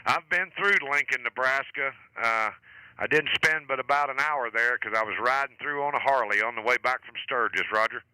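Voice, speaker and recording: A man's voice: mid-range voice, moderate pace, pushed and bright, smooth, dry recording, low-quality recording. A man from the United States hosting an amateur radio net, chatting informally and chummily with radio sign-offs.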